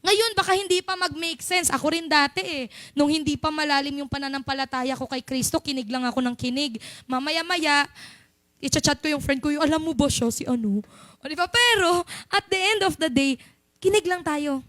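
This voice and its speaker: A woman's voice: high-pitched, moderate pace, a bit bright, no room sound. A young Filipino woman giving a chatty, playful sermon in church, mixing in English. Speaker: church speaker.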